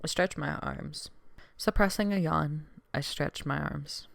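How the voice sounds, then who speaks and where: A woman's voice: deep voice, unhurried, vocal fry, no echo, studio quality. A woman streamer reading a story aloud, reading the narration evenly and then breaking off into chatty, giggly asides.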